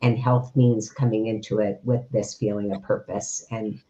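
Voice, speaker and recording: A woman's voice: a bass voice, moderate pace. Earnest woman coach on a dull line. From United States. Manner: earnest, steady, uses fillers. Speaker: retirement coach, guest. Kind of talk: interview answers. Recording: slightly dull, lo-fi.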